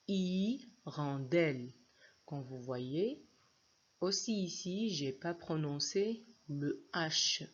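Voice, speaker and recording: Slow, husky woman spelling out words. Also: low voice, dull audio. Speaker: reading teacher. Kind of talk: phonics lesson for young children.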